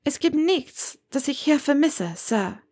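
High-voiced defiant young witch read by a woman. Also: expressive, takes it slowly. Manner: high, bright, defiant and teasing.

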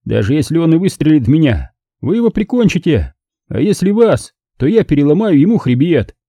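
A man voicing a calm, composed man who talks evenly and unhurriedly, in an audiobook. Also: a little high, brisk, no echo, voice pushed up. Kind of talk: audiobook character voice.

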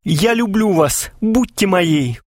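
A man voicing Klinkov, an impulsive young man who pleads and shouts theatrically in a read-aloud story. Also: high-pitched, animated, slow pace, no room sound, clean studio sound, pitched above the performer's own voice. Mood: melodramatic pleading.

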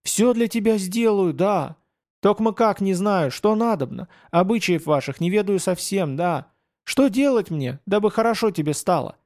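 A devoted young tracker who speaks plainly and in an old-fashioned way, often ending with a soft "da", as a male narrator puts him on. His voice sits raised and gravelly. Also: high voice, lively intonation, normal speed, voice pushed up. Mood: earnest. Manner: old-fashioned speech, repeats "da".

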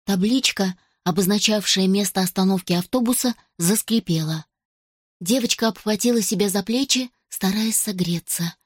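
A woman's voice: mid-range voice, moderate pace, husky, dry recording, studio quality. Woman narrating a children's adventure audiobook. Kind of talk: scripted storybook narration.

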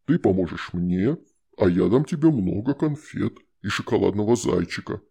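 A sinister shadow spirit, put on by a male audiobook narrator, that coaxes a child with slow, persuasive bargaining. The voice sits low, dark and gravelly, with a husky edge. It sounds like a spirit that is sure of getting its way. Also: lively intonation, full character voice. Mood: coaxing. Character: sinister coaxing shadow spirit, female, scheming. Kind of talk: audiobook character voice.

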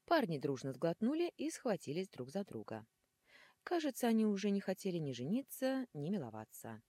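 A woman reading a first-person fantasy audiobook with a husky voice, narrating dramatically and expressively. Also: medium pitch, moderate pace, no echo, clean studio sound. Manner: animated, dramatic, shifting into hissing whispers.

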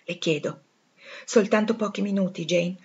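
A woman voicing a proud, passionate gentleman in an audiobook reading, intense and pleading. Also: medium pitch, normal speed, slightly rough, muffled recording. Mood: confiding.

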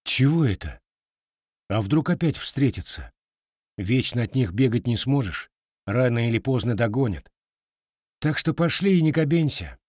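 A man's voice: medium pitch, sing-song, moderate pace, long pauses, a little mellow, no room sound, studio quality. A man voicing a firm, mocking young Cossack hunter in an audiobook. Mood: wry.

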